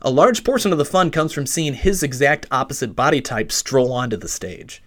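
Animated male podcast host recording inside a closet. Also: medium pitch, moderate pace. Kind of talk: scripted sports podcast narration.

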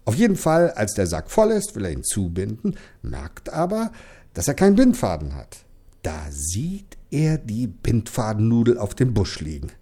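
A man's voice: on the low side, wildly swooping pitch, moderate pace, warm tone, slightly rough. A man telling a children's story as a playful back-and-forth, teasing with questions.

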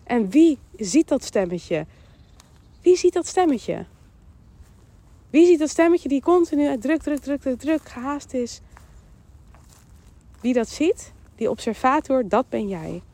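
A woman with a Dutch accent hosting a podcast, giving a calm, emphatic mindfulness talk that repeats phrases and voices the thoughts in her head. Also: high voice, unhurried, long pauses, no echo. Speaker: podcast host. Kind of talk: mindfulness monologue.

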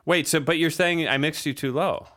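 A man's voice: fairly high pitch, moderate pace. A man co-hosting a podcast, chatting loosely about recording a song, with plenty of fillers. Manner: relaxed, rambling with fillers. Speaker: podcast co-host, drummer. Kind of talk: casual chat about their record.

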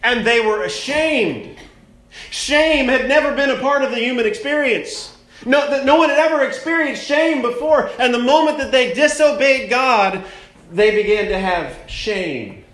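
A man preaching at a pulpit microphone, his fairly high voice unhurried and conversational as he leans on key words. The sound bounces around an echoey church sanctuary. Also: lively intonation, fairly bright tone. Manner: plainspoken, conversational preaching with slow emphatic stresses. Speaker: pastor. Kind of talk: sermon.

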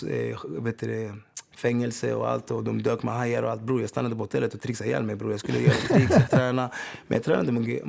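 A retired footballer with a gravelly, slightly mellow, medium-pitched voice tells casual, streetwise stories in an interview. He regularly checks for understanding with "förstår du vad jag menar".

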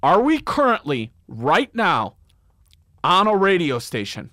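A man's voice: high voice, wildly swooping pitch, slow pace, no room sound, studio quality. A man co-hosting a comedy podcast, accusing his partner in exasperated improvised banter. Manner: accusing, exasperated, shouting at times. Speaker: podcast co-host.

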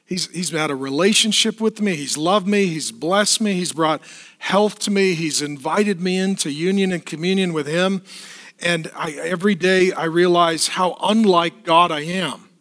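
A man preaching a sermon in church, talking in a lively way and putting questions and asides to the congregation. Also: high-pitched, moderate pace. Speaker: pastor.

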